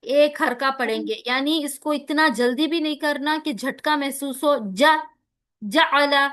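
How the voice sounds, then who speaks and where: A woman teaching a recitation lesson, spelling out letters slowly and carefully between quick explanations. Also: high-pitched, fairly even intonation.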